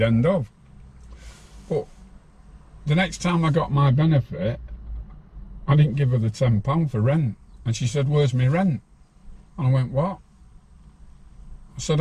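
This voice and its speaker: A man's voice: mid-range voice, moderate pace, darkish tone, breathy edge. A man, telling his life story bluntly as an interview guest. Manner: rambling, blunt, laughs while telling.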